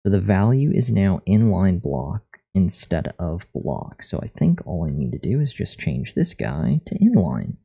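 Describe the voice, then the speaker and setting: A man's voice: deep voice, very animated, measured pace, vocal fry, hardly any pauses, mellow, slightly rough. A man streaming live while learning to code, reading lesson text aloud and adding joking asides. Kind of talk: casual live-stream commentary.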